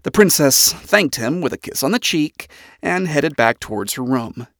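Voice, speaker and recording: An audiobook narrator reading a story chapter, with a lot of movement in the pitch. The delivery is expressive and lively, and the recording is close and dry with no room sound. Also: moderate pace, no echo. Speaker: audiobook reader. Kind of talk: read-aloud story narration.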